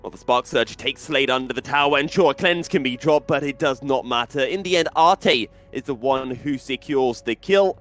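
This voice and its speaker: A man casting esports play-by-play live, with animated, dramatic calls. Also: mid-range voice, moderate pace, hardly any pauses, soft background music.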